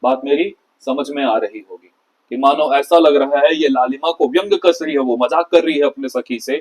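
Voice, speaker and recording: A man teaching a classical Sanskrit play. He recites each verse slowly, then paraphrases and repeats it in everyday speech. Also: mid-range voice, darkish tone, rough recording.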